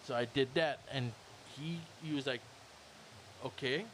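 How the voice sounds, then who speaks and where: A man in his fifties, a rapper and guest on a casual roundtable, telling lively stories and mimicking sounds and voices. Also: mid-range voice, a little slow, a little hiss or hum.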